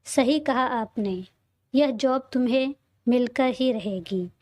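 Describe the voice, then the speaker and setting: A woman voicing a brisk middle-aged mother who is firm with her daughter, in a read-aloud audio story. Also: a little high, a little mellow.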